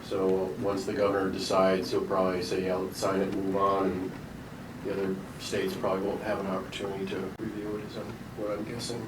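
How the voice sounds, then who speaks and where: A man's voice: deep voice, monotone, fairly quick. A man at a committee meeting, thinking aloud hesitantly as he asks questions. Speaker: committee member. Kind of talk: meeting discussion. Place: meeting room. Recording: echoey room from far off, loud noise.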